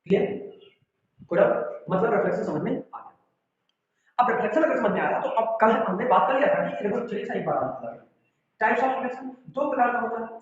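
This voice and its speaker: High-voiced physics teacher. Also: male voice, expressive, quick pace. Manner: explains step by step, checks with students. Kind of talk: classroom lecture. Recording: echoey room, far from the mic, dull sound.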